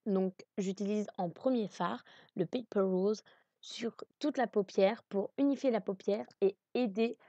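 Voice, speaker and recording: Woman, makeup tutorial narration, casual and hesitant, warm tone, dry close sound. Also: medium pitch, unhurried, dry recording, muffled recording. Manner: chatty, many hesitations.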